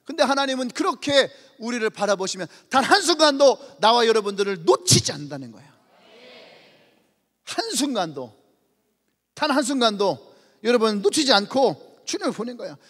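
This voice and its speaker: High-voiced, lively preacher in a reverberant church. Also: male voice, fairly quick. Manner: lively storytelling, acts out little scenes and calls out hallelujah. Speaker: pastor. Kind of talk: sermon. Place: church sanctuary. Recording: long church-hall reverb.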